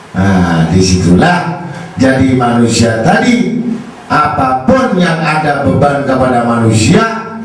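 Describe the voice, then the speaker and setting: A man preaching an Islamic sermon to a women's group, asking the audience rhetorical questions in a swooping, animated delivery. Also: sits high. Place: prayer hall. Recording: very echoey hall, voice from far off, faint hiss.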